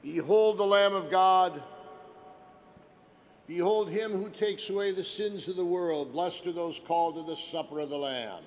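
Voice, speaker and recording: A male priest reciting the prayers of the Mass in a solemn, deliberate, formal manner, his voice echoing as in a cathedral. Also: high voice. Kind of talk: liturgical prayer, measured recitation. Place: large echoing church. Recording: cathedral-like echo, long reverb, faint noise.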